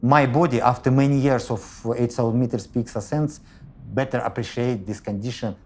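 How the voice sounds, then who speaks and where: A man, a veteran high-altitude climber, speaking in English that is not his first language, halting and repeating words as he gives philosophical advice in an interview. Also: heavy background noise.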